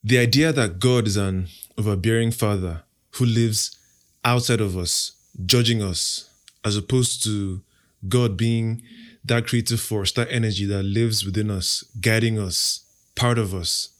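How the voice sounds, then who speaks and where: Speaking in a low voice with fairly even intonation, a young Nigerian man who grew up with Igbo handles rapid-fire interview questions. He seems to savor each line, coming across as cocky, playful, confident and sure of himself in his role as podcast host and interview guest.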